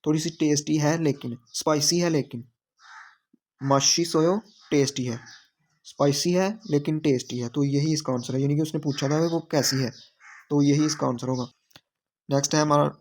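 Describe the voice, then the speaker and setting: A man's voice: on the high side, a little hiss or hum. A man teaching a language lesson, patiently explaining exam questions and repeating phrases and word meanings.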